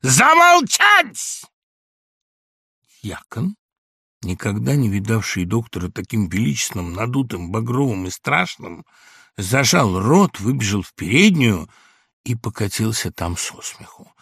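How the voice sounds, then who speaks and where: A man narrating a classic story in an audiobook, with expressive, theatrical reading. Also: lowish voice, moderate pace, vocal fry, husky, no room sound. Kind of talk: dramatic literary narration.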